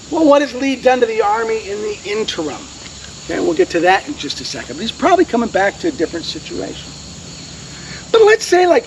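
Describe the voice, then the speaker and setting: A man's voice: very high-pitched, slight background noise, poor audio. A man giving a history talk outdoors, telling the story dramatically and walking listeners through a map handout. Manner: dramatic storyteller, drops to a hushed voice at solemn moments. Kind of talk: storytelling lecture. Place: outdoors on a hillside.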